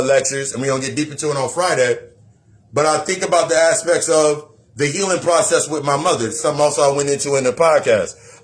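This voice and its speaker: Speaking straight to the listener, a man with a fairly high, slightly bright voice delivers a blunt, profane spiritual self-help monologue. He's preachy and keeps repeating phrases.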